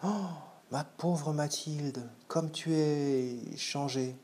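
A man reading as a hushed, elegant Parisian lady. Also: on the high side, fairly even intonation, extremely slow, voice pushed up. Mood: astonished.

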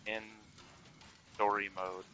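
A man's voice: on the low side, level tone, moderate pace, bright, forceful tone, lo-fi sound, a little hiss or hum. A man playing a video game with a friend, teasing and laid-back in casual chat. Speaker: co-player.

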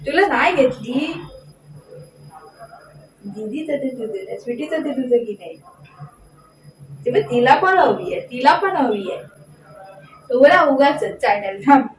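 A woman's voice: sits high, lively intonation, measured pace, long pauses, slight background noise. A young woman talking casually to her pet dogs at home, coaxing and fondly scolding them with short repeated commands. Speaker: pet vlogger. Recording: roomy echo, mic at a distance.

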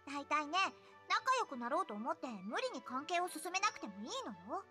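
Brief: a confident anime schoolgirl, very high and quick, faint game music behind. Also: heavily acted. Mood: lecturing. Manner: bright, lively, playful. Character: confident teasing teenage schoolgirl.

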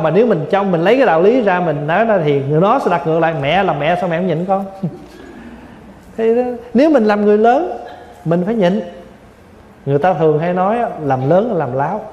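A man's voice: high voice, darkish tone. A Vietnam-born male Buddhist monk in his forties gives a dharma talk in a folksy, humorous way, slipping in English words. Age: 40s. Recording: dull, echoey hall sound.

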